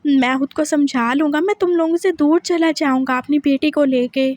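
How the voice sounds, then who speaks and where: A woman's voice: high voice, normal speed, darkish tone, natural voice. Woman voicing an intense, pressing husband. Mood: tender, remorseful. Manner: pressing, repeats questions. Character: intense possessive young husband, man. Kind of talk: dramatic story reading.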